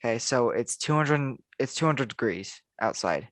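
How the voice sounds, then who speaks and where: Male podcast co-host, mid-pitch, rambling and chatty, dry close mic. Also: lively intonation, normal speed, dry recording. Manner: rambling, thinks aloud with restarts. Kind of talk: casual chat.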